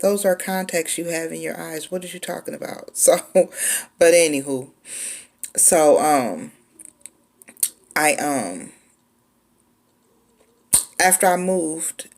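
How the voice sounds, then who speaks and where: A woman in her forties tells her story in a relaxed, unhurried way. Her voice sits low and has a gravelly, fry-tinged edge. She is chatty and pauses often as she talks. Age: 40s. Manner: laid-back, chatty, with frequent "um" pauses. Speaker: vlogger. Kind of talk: casual storytime.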